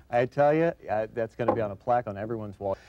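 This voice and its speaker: A man's voice: mid-range voice, brisk, highs cut off, background noise. A middle-aged man hosting a television interview, presenting in a conversational way from a studio. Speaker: TV show host. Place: TV studio set, indoors.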